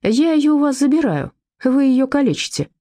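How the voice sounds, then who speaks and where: Calm firm man, read by a woman narrator, steady and sure, in a mellow audiobook voice. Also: sits high, moderate pace, voice pushed up.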